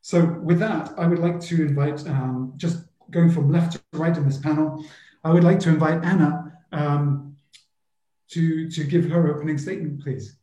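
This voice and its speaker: Halting male moderator in a roomy echo. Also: on the high side, steady tone, warm tone. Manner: halting, frequent ums and uhs. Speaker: panel moderator. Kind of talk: hosting an online panel.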